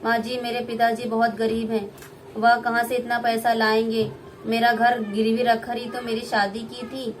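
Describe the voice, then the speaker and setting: A woman's voice: a little high, monotone, normal speed, slight background noise, lightly acted. A young woman voicing a poor, meek young daughter-in-law in a puppet play, pleading and submissive.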